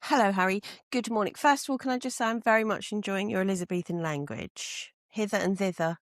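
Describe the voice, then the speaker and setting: A woman's voice: mid-range voice, dry recording. A woman co-hosting a podcast, chatting with dry, wry humor. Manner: dry, wry, quick to laugh. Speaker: podcast co-host. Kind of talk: casual chat.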